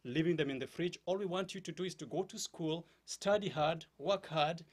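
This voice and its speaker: Earnest Kenyan man, halting speech. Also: on the high side. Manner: earnest, many hesitant fillers. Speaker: political candidate guest. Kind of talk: interview conversation.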